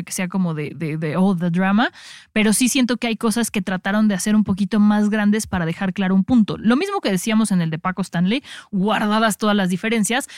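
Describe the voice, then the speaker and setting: A woman co-hosting a podcast, talking quickly and giving frequent short agreements. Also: mid-range voice, a little mellow, dry recording, clean studio sound. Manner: quick, conversational, frequent back-channel. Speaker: podcast co-host. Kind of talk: casual chat reviewing series.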